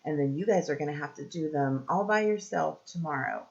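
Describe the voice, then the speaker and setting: A woman teacher with a deep, gravelly voice leads a read-aloud lesson for young children, recorded in lo-fi sound. She asks them simple questions, pauses for answers and offers encouragement.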